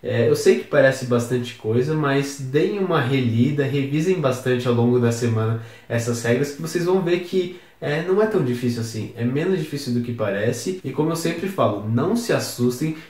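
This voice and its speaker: Patient Brazilian teacher in an echoey room. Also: male voice, mid-range voice, animated, moderate pace, hardly any pauses, a little mellow. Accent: Brazilian Portuguese. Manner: patient, spells words letter by letter. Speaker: English teacher. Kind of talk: recorded online lesson.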